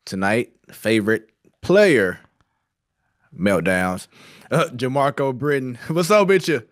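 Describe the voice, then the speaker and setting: A man hosting a sports talk show, introducing segments in a relaxed, easygoing way. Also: mid-range voice, slow pace, no room sound, clean studio sound. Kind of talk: casual sports chat.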